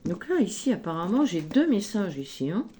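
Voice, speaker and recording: A woman giving a spoken tarot card reading, slow and gently encouraging, often adding little tags as she goes. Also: medium pitch, very animated, slight background noise. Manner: slow, gentle, encouraging, frequent "hein" and "ici".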